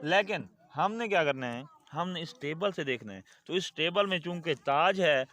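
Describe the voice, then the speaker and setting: A man's voice: a little high, lively intonation, moderate pace, bright, forceful tone. A man teaching a recorded lesson to young children, patient, repeating key words and asking quiz questions.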